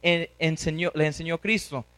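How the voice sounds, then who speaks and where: A man preacher delivering an animated sermon, often chuckling and acting out scripture scenes. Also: a little high, normal speed.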